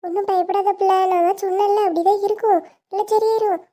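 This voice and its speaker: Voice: very high voice, fairly even intonation, fast, warm tone. A child acting as a caring, fussy middle-aged mother who soothes and scolds her daughters. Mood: soothing.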